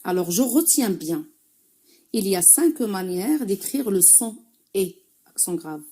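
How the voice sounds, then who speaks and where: A woman teacher with a Moroccan accent giving a French reading lesson, spelling out sounds slowly and carefully, syllable by syllable. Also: medium pitch, expressive, dark tone, slightly rough. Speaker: primary school teacher.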